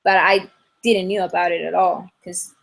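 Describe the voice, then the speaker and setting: Guest: young woman, English, halting and restarting, over a video call. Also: fairly low pitch, level tone, creaky, a bit bright. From Ecuador. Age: young adult. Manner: halting, many restarts and fillers. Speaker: guest singer.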